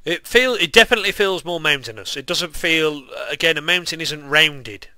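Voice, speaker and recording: A man's voice: a little high, animated, moderate pace, sharp tone, no room sound. A young man with a lisp and whistling s sounds, giving casual, rambling, self-deprecating game commentary. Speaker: gaming video maker.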